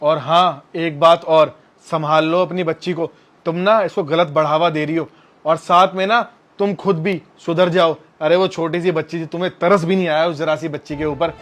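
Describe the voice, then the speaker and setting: A man's voice: a little high, fairly even intonation, moderate pace, fairly bright tone, lightly acted. A man acting as a stern tutor who scolds a mother and daughter in a short drama skit. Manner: scolding, lecturing. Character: stern, moralizing male tutor. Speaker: tuition teacher.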